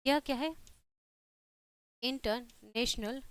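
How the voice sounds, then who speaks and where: A woman's voice: on the high side, drawn-out words, clean tone, dry recording. A woman with a Hindi accent teaching a class, repeating points and checking in with "theek hai" after nearly every phrase. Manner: repeats herself with constant "ठीक है" checks. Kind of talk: classroom lecture.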